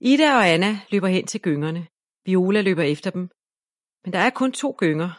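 A woman reading a children's story aloud in a gentle, even narration. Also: fairly low pitch, dry recording, clean studio sound.

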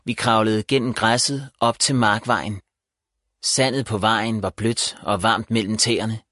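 Man, audiobook reader, children's story, calm even telling, dry close recording. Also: lowish voice, no room sound. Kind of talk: scripted narration of a children's story.

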